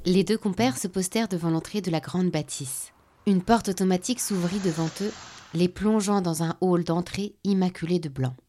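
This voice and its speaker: A woman storyteller reading a children's story aloud in a clear, expressive way. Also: fairly low pitch, moderate pace, a little hiss or hum.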